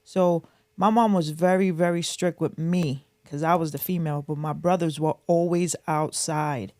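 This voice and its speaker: A middle-aged woman from the Boston area, Massachusetts, reminisces casually and candidly as an interview guest, often repeating herself for emphasis. Her low, mellow voice holds a steady tone at normal speed, recorded with studio quality and no echo.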